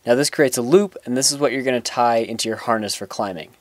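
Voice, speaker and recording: Speaking quickly in a mid-range voice, a young man teaches a knot step by step while standing on grass outdoors. The tone is instructional and plain, he restarts sentences now and then, and there's no echo.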